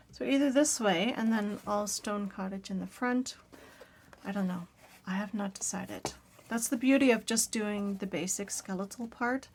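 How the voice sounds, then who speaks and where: Soft-spoken woman with a raspy, gravelly voice. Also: medium pitch, a little hiss or hum. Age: adult parent. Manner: soft-spoken, often drops to a whisper. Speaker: crafting video host. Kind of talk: casual crafting chat.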